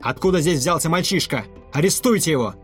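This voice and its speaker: A man doing a shrill scheming villain. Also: expressive, fairly quick, faint music behind, lightly acted. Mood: shrill commanding. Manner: shrill, commanding shouting. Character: nervous, scheming middle-aged male villain.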